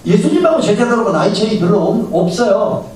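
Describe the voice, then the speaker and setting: A man's voice: high-pitched, sing-song, a little fast, a little mellow. Male pastor, Sunday sermon, storyteller who acts out characters, heavy hall echo, distant mic. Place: church sanctuary. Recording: very echoey church hall, mic far off.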